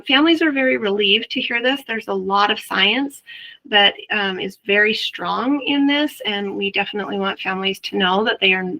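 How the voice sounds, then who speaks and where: Bright, gravelly-edged woman presenter. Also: medium pitch, poor audio. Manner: chatty, explains with everyday examples for parents; addresses the audience directly. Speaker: early learning presenter; mother. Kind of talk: webinar presentation to health workers.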